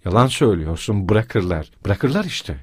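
A man voicing a frantic, furious middle-aged mother who screams shrill insults in an audiobook reading. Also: very animated, moderate pace, slightly rough, dry recording, studio quality. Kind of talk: audiobook character voice.

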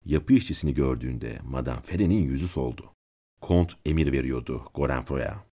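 A man reading a classic story aloud as a channel's narrator, calm and measured. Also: extremely low pitch, slightly rough. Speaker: audiobook narrator and channel host.

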